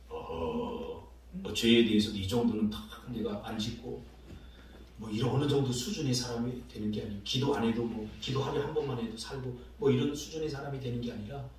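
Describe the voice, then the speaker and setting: Man, middle-aged, pastor, sermon, lively swooping delivery, acts out voices, heavy church-hall echo, distant mic. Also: medium pitch. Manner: animated storytelling, acting out quoted voices, laughing often. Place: church sanctuary. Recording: very echoey church hall from far off, faint noise.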